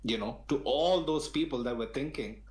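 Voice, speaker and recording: A man's voice: mid-range voice, normal speed, a little mellow. Man, fan podcast panelist, ranting, slangy, emphatic, roomy echo. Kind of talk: heated football podcast talk.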